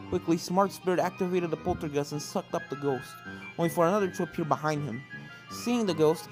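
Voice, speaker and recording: A narrator with a medium-pitched voice reads fan fiction aloud as dramatic, scripted story narration. The recording is low in quality, with game-style music playing behind the voice.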